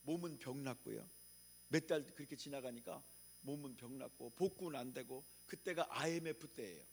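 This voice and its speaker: A man's voice: mid-range voice, moderate pace, vocal fry, a little hiss or hum. A male pastor from preaching a revival sermon, calling on the congregation to repeat after him and answer back. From Chungcheong, Korea.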